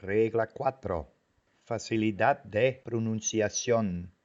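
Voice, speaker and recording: A man's voice: fairly low pitch, slow pace, a little mellow. A man teaching a language lesson from a script, repeating each word several times. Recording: dull lo-fi recording.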